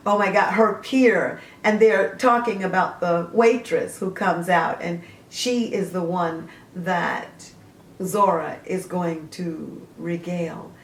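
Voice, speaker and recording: A woman with a mid-range voice speaks slowly as the host of a book series, gushing over stories and reading excerpts aloud with lots of fillers. It's a casual book review mixed with read-aloud passages, recorded in a room with noticeable echo.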